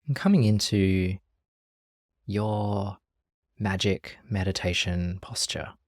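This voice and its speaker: Leading a guided meditation, a low-voiced teacher keeps things gentle, calm, and measured, with long pauses throughout. The sound is studio quality and dry.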